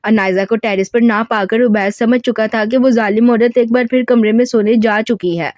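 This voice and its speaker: A woman's voice: fairly high pitch, fairly even intonation, moderate pace, darkish tone, no echo. A woman narrating an audio novel, reading the dialogue expressively and lifting her voice for quoted speech. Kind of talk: scripted narration with dialogue read in character.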